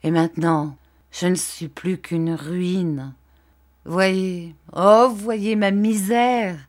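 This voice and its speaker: A woman's voice: lowish voice, steady tone, very slow. A woman voicing a broken, despairing older man who pours out his remorse in a storybook reading. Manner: anguished, pleading.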